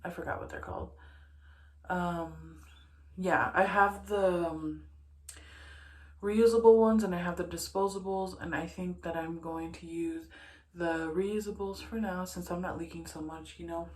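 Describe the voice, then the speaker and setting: A young woman talks casually to her camera, a little out of breath and slightly low-pitched. She rambles and restarts her sentences, trailing into fillers. The sound carries a noticeable room echo. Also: fairly even intonation, measured pace. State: short of breath. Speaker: vlogger. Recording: echoey room.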